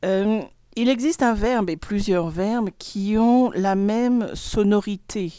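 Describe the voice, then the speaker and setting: A woman's voice: mid-range voice, dark tone, dry recording. A woman who speaks French as her first language, teaching English pronunciation with a French accent in a patient, repetitive manner. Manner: patient, explains slowly and repeats words for practice. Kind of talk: pronunciation lesson and reading aloud.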